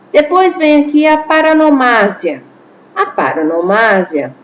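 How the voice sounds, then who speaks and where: A woman teacher, explaining a lesson patiently and checking in with her listeners. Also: on the high side. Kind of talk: classroom lesson. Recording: slightly dull lo-fi audio with faint noise.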